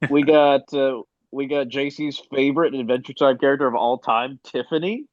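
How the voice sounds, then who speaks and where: Man, podcast host, casual chat, mid pitch, dry lo-fi sound. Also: steady tone, normal speed, no room sound. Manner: laughs often, leads the discussion. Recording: dry, dull lo-fi mic.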